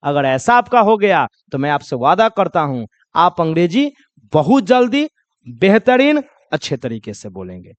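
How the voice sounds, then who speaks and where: A man's voice: fairly high pitch, big pitch swings, normal speed, no room sound, highs cut off. A man teaching spoken English in a lesson, drilling example sentences and asking and answering his own questions. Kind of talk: classroom lesson.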